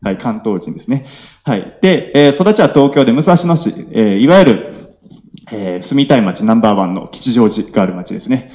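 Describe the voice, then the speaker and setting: A man in his late twenties with a Kansai accent, giving a polite self-introduction at a local meetup, often pausing on filler sounds. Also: mid-range voice, expressive, warm tone. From Nara, Japan. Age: 20s. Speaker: young entrepreneur presenter. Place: event hall with audience.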